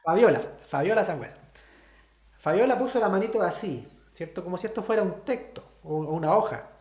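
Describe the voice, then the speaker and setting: In a roomy-sounding online class, a man with a Chilean Spanish accent teaches sign language, walking students through each step and checking in with them often. His voice is high and expressive, fairly quick, and a little mellow.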